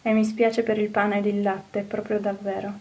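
A woman's voice: mid-range voice, flat delivery, normal speed, darkish tone, lightly acted. A woman reading an audiobook, voicing a kind but anxious young housemaid who frets and exclaims. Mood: worried, kind. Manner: fretful and exclaiming. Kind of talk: audiobook character voice.

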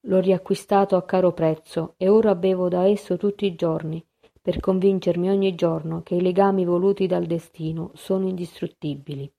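A woman's voice: lowish voice, steady tone, normal speed, creaky, muffled recording. A woman reading the part of an impassioned, lovesick nobleman in an audiobook, in an earnest, pleading manner.

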